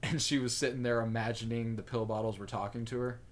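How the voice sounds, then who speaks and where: A man's voice: mid-range voice, fairly even intonation, fast talker. A man co-hosting a podcast in casual chat, recapping and analyzing eagerly and asking questions. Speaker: podcast co-host.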